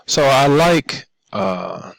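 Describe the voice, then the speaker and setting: A man, a student, talking over his own screen recording at a computer microphone, halting, with many ums and restarts. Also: medium pitch, lively intonation, vocal fry, dry recording, low-quality recording. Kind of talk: narrating a screencast demo.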